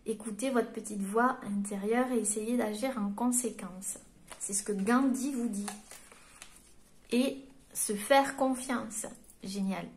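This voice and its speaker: French woman, medium type, soft and encouraging, reads card quotes to viewers, a touch high-voiced. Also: slow. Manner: gentle and encouraging, reads quotes aloud then explains them. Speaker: medium giving a card reading. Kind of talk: spiritual card reading to viewers.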